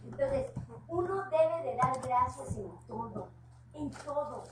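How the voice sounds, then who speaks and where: A woman's voice: high-pitched, lively intonation, takes it slowly. A woman with a Mexican accent, preaching informally at a house church meeting, earnest and conversational, with homely personal asides. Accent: Mexican Spanish. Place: room at a home church gathering. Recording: echoey room, distant mic, noisy background.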